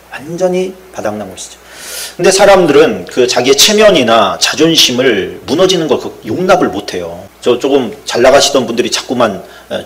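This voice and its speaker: A male pastor giving a sermon, telling a story and acting out its dialogue, rising to loud outbursts and dropping to near whispers. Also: mid-range voice. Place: church sanctuary.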